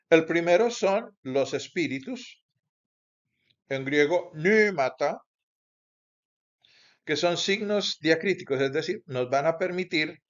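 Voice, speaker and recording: Slow-paced man teaching a class. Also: on the high side. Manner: slow, deliberate explaining with pauses and self-corrections. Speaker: Bible Greek teacher. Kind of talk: recorded class lecture. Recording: dull lo-fi recording.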